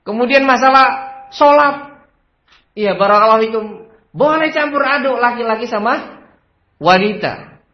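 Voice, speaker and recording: A man preaching a religious lecture, who keeps repeating a blessing phrase as a filler and swings between emphatic bursts and quiet asides. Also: very high voice, normal speed, pauses often. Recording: echoey room, dull lo-fi sound.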